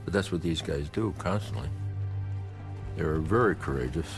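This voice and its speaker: A low-voiced man speaks earnestly in an interview. Faint music plays behind. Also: expressive, moderate pace.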